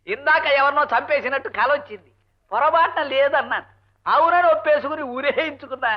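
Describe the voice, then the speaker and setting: An actor playing a henpecked husband and college lecturer, muttering sarcastic asides and barking commands, in an old film comedy. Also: male voice, extremely high pitch, fairly quick. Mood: grumbling. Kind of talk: 1970s Telugu film comedy. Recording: dull lo-fi film soundtrack.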